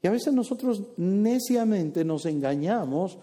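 A man preaching a sermon, animated and playful, teasing the congregation with asides. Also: sits high, measured pace.

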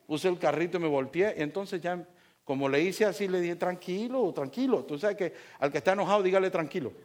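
A man preaching as a pastor, telling a humorous story in an animated way, acting out the dialogue and talking straight to his congregation. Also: high-pitched, quick pace. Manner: animated, acts out dialogue, talks directly to congregation.

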